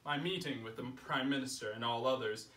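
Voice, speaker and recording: At a literary salon held in a living room, a young man reads a humorous first-person essay to a small seated audience. He projects in a deliberate, mock self-important style, his medium-pitched voice pushed and bright. A distant camera mic captures roomy echo and faint noise.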